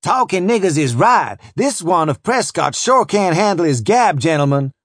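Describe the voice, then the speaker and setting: Man doing a loud brash overseer. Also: high-pitched, very animated, moderate pace, no echo, studio quality, pitched above the performer's own voice, full character voice. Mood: boastful. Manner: brash, hollering, rough dialect.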